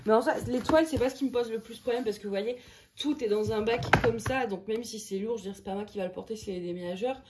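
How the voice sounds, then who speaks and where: A woman's voice: fairly high pitch, fast talker, heavy background noise. A woman chatting casually to her viewers while sorting craft canvases, thinking aloud and joking at her own expense. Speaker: crafting vlogger. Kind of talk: casual chat. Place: at home.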